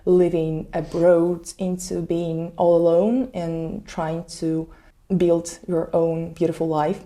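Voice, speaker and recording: A woman's voice: on the low side, level tone, takes it slowly, warm tone. A young woman from Russia, an international student telling her story in a casual podcast interview, earnest and with small slips in her English. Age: young adult.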